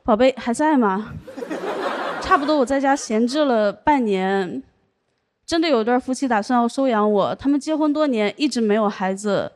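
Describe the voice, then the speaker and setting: A young woman performing a stand-up comedy set, telling her story deadpan and landing punchlines over audience laughter. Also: a little high, moderate pace. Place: comedy stage with a live audience.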